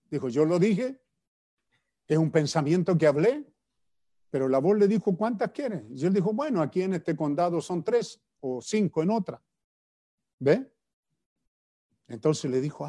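A man's voice: fairly high pitch, mellow. A man preaching a sermon, retelling stories with acted-out quotes and asking his congregation rhetorical questions.

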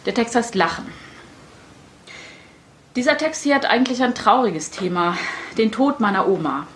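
A middle-aged woman reading her own stories aloud at a live reading, with wry, deadpan, self-mocking delivery. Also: a little high, normal speed, slight background noise.

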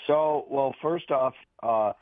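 A man's voice: medium pitch, slow, no room sound. A man calling in to a radio sports show, laying out details and hedging with phrases like "I believe.". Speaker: caller. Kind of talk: casual sports talk. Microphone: phone. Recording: phone line.

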